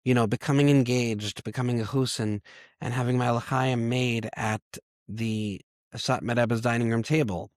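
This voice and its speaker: A man, hoarse and congested from a cold, talking candidly and self-deprecatingly as a podcast host. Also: medium pitch, steady tone, moderate pace, a little mellow, dry recording, clean studio sound. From Long Island, New York. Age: 30s. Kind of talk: personal confessional monologue.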